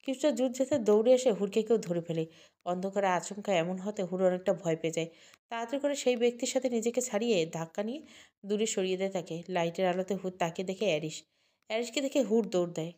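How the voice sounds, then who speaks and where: A woman narrating an emotional audio story in an even, heartfelt way. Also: mid-range voice, fast talker.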